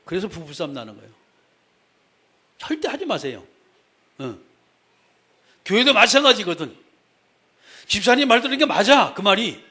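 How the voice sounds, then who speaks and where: A man's voice: sits high, big pitch swings, moderate pace, pauses often, sharp tone, slightly rough. A male pastor preaching a sermon in a conversational way, speaking straight to the congregation and repeating his key phrases for emphasis.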